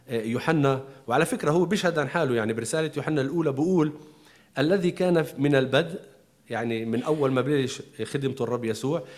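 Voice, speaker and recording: A man preaching a sermon, explaining emphatically with pauses and restarts. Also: mid-range voice.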